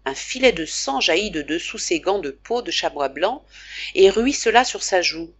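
A woman narrating a classic novel as an audiobook, reading in a measured, expressive way. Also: on the low side, husky.

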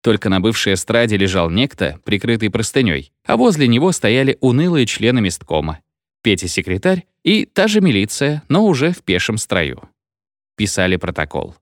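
A man reading a satirical short story aloud in an expressive, theatrical storytelling manner. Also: lowish voice, moderate pace, no room sound, studio quality. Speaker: reader.

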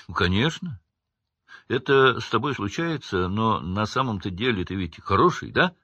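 A man's voice brings out a gentle half-giant gamekeeper who speaks gruffly and haltingly. The tone is husky and bright. The storybook recording sounds dull and dry. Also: on the low side, big pitch swings, no room sound, exaggerated voice. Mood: gruff, homely. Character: gentle huge male half-giant gamekeeper, simple-hearted.

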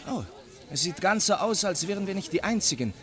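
An actor playing Dr. Watson, a cheerful and loyal companion, in a 1950s radio drama. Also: male voice, high-pitched, lively intonation, fairly quick, a crowd in the background.

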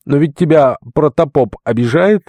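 A brash, domineering ruffian barks orders and taunts, as a man reading the book puts him on. The voice rides high and loud. It is dry and close, with no room around it. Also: normal speed, no echo, lightly acted. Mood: bullying. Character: brash, bullying man of middle years.

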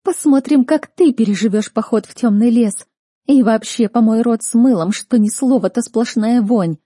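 Protective young sister voiced by a woman: sharp and commanding, dark husky timbre, dry studio read. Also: a little high, lively intonation, fast, no echo, voice pushed up. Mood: angry.

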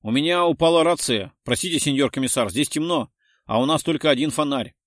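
A man's voice: fairly high pitch, fairly quick, no echo, studio quality, natural voice. A man voicing an anxious police officer reporting over a radio, in an audiobook reading. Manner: calling over the radio, flustered.

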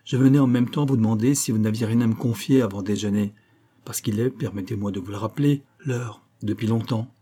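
Polite young male attaché, read by a man, formal and courteous, mellow husky voice. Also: fairly low pitch, brisk. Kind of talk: audiobook character reading.

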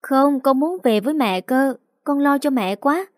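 A clingy chatterbox of a little girl, as a woman reader puts her on, wheedling her mum and dad in a high, sweet, pleading voice. The tone stays warm and mellow, close and dry, over faint background music. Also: lively intonation, measured pace, no room sound. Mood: eager.

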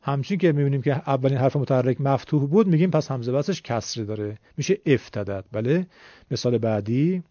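A man's voice: mid-range voice, lively intonation, dark tone, no room sound. A man teaching Quran recitation rules, explaining patiently step by step and asking his students questions. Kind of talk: classroom-style lesson explanation. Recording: dull, lo-fi dry recording.

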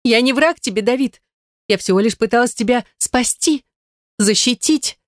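A desperate, scheming young woman squeals and shrills her lines in a raised, piercing pitch, as a woman reader puts her on. Jealous and frantic, she pleads one moment and accuses the next. It is an audiobook character voice, recorded close and dry. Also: moderate pace, no echo, lightly acted. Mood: insistent.

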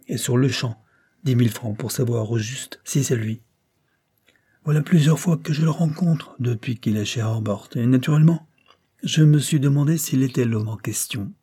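A narrator doing a probing, guarded lawyer. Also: male voice, mid-range voice, warm tone, breathy edge, natural voice. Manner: deliberate, pointed questioning. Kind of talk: audiobook character voice.

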